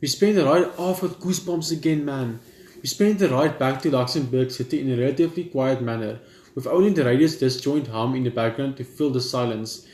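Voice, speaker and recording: Brisk and a little mellow, a medium-pitched man narrates a visual novel's text in a let's play, stumbling and rereading now and then. He drops in asides between lines. There's a roomy echo, with game music behind him.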